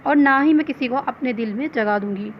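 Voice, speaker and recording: A playful young woman, pampered and teasing, speaks in a high, bright voice, as a woman narrator reads her lines. The recording is slightly dull, with a faint hiss in the background. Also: brisk, lightly acted. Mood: lively. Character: cheerful spoiled young woman, daughter.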